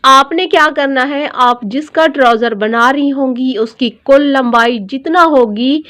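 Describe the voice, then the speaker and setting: A woman's voice: high voice, fairly bright tone. A woman teaching a dressmaking tutorial, explaining each step patiently and repeating every measurement.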